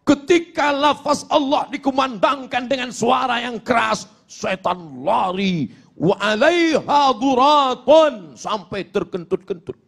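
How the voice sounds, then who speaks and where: A man's voice: extremely high pitch, slow pace, vocal fry, a bit bright. A middle-aged man from Indonesia preaching a humorous Islamic sermon, telling jokey stories, acting out little exchanges and chanting Arabic verses.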